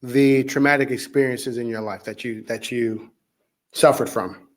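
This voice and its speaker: A man hosting an interview, asking measured, probing questions. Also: medium pitch, fairly even intonation. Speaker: interview host.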